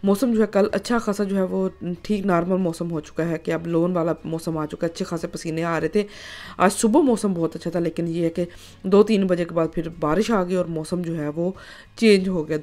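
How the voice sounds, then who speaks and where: A woman's voice: lowish voice, fairly even intonation, brisk, a little mellow. A woman, narrating her home vlog in a chatty way, full of filler phrases. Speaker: vlogger.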